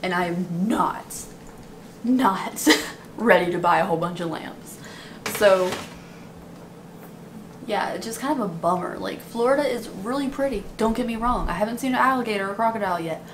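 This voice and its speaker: A woman's voice: mid-range voice, normal speed, long pauses. A woman in her twenties chatting casually to camera, complaining at length like a vlogger venting. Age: 20s. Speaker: beauty vlogger. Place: small dim apartment room, indoors. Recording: clearly noisy room recording.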